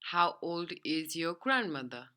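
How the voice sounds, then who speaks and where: A woman reads short scripted practice questions for a beginner lesson in a plain way. Her voice is bright, and her pitch moves up and down with a lively rise. It sits slightly low for a woman. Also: unhurried, clean tone. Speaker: dialogue partner in a lesson.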